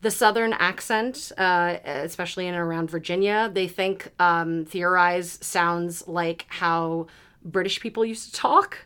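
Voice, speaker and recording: A woman hosting a relaxed podcast conversation, steering the chat and reading listener questions aloud. Her voice sits on the lower side for a woman. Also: a little slow, clean tone. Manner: leads the talk, reads out listener questions. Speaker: podcast host. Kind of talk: casual chat.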